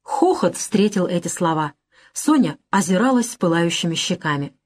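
A woman's voice: on the low side, expressive, normal speed, a little mellow. A woman narrating a classic novel as an audiobook, reading expressively with emotion.

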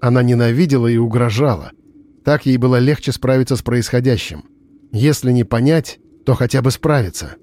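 A man's voice: medium pitch, brisk, mellow. Man narrating a tense audiobook. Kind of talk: scripted narration.

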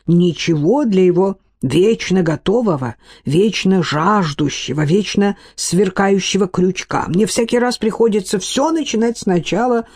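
A flowery, long-winded middle-aged doctor, as a woman reader puts him on, ornate and lecturing. His mellow voice rises and falls widely. It is a storybook reading. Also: mid-range voice. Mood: teasing. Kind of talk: audiobook reading.

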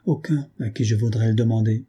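Give me a gentle, tearful young woman, a man doing her in a dark, husky tone, in an audiobook. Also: fairly low pitch, fairly even intonation, brisk. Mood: tender. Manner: soft, trembling, tearful. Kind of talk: audiobook reading.

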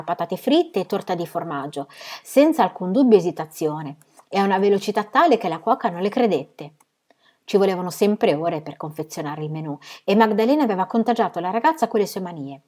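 A woman reading a novel aloud in steady, measured storytelling. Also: fairly low pitch. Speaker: reader.

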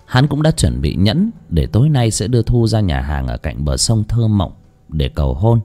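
A man reads an audio story aloud. His narration moves freely up and down in pitch, expressive and steady in pace. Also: normal speed.

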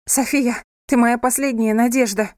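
A woman voicing a panicky, dramatic young bride who wails and complains in a high, loud voice. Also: fairly even intonation, moderate pace, dry recording, clean studio sound, lightly acted. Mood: panicked. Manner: hysterical, wailing.

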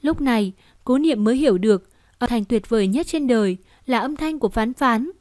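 A woman narrating a dramatic romance story in a steady, storytelling tone. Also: on the high side, a little fast, dry recording, clean studio sound. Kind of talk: scripted narration.

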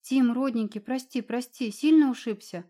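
Narrator doing anxious young witch girl, pleading, a bit higher than her own voice, storybook. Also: normal speed, mellow, close to an everyday voice. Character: young woman student witch, flustered.

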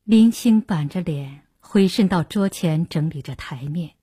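Breathy woman reading a radio novel. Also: fairly low pitch, expressive, warm tone. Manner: measured storytelling. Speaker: novel reader.

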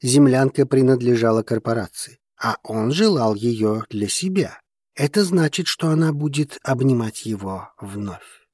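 A man narrating fiction for an audiobook in a measured, steady manner. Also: medium pitch, no echo, studio quality.

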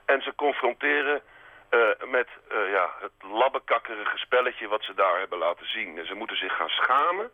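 Male phone guest, blunt, animated, phone-line sound. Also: on the low side, moderate pace, no echo. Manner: blunt, colloquial, hesitant with fillers. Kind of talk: casual radio chat.

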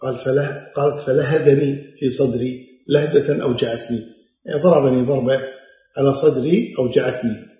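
A man's voice: medium pitch, steady tone, fairly quick. A middle-aged man giving a religious lecture, retelling old narrations and explaining them in everyday asides. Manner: narrates hadith then explains in colloquial Gulf Arabic asides. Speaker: Islamic scholar lecturing. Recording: very echoey dull lecture recording.

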